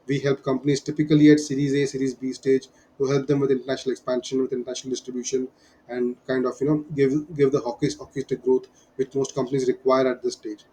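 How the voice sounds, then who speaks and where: A man's voice: medium pitch, monotone, quick pace, warm tone, a little hiss or hum, rough recording. A man with an Indian accent giving an explanatory lesson as a business advisor, emphatic and prone to repeating his key points. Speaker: business advisor teaching startup fundraising.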